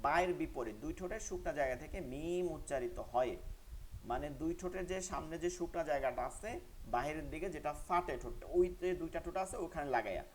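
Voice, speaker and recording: A man teaching an online Quran pronunciation class, explaining sounds and repeating them slowly for learners to copy. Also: a little high, a little mellow, slight background noise.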